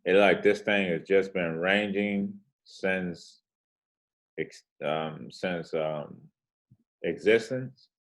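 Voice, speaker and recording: A forex trading host with a deep, soothing voice takes his time walking casually through trading charts. He's laid-back and slangy, wandering into rambling asides.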